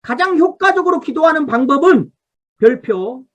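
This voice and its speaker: Woman, pastor, high voice, Bible study sermon, marks up a study guide, asks for responses. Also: animated, normal speed. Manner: teaching from a study guide, telling listeners what to underline. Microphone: video call.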